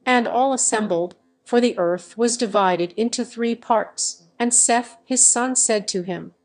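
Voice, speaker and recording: A woman narrating an ancient scriptural text in a measured, formal way. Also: fairly high pitch, darkish tone, soft background music, rough recording. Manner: measured, formal archaic reading. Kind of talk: scripture reading.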